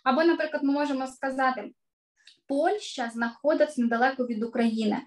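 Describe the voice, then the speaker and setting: Middle-aged woman voice coach, high pitch, online class, emphatic and clear. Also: steady tone, brisk. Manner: clear, emphatic teacher delivery, stresses key words. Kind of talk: online lesson to children.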